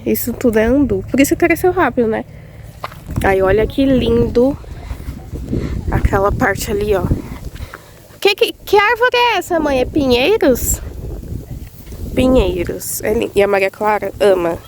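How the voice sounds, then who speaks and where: A Brazilian woman with a cold, her nose congested, vlogs casually outdoors on rural land, gushing over small things. Her voice is on the high side and sing-song, a little slow, with long pauses, and her Brazilian Portuguese accent comes through. She films on a handheld phone, and wind and outdoor noise fill the recording.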